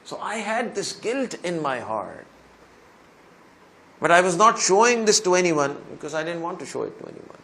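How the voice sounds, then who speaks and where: A male preacher with a somewhat high voice tells a sermon story in the first person, voicing another man's words. His delivery climbs to loud, emphatic pleas at the turning points. A faint hiss of background noise sits behind him. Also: big pitch swings, normal speed, creaky. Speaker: Islamic preacher.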